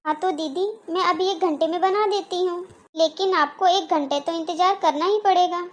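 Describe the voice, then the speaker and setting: High-voiced polite young housewife, patient, cartoon, woman doing the voice. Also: steady tone, moderate pace. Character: patient hardworking young daughter-in-law. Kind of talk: cartoon voice acting.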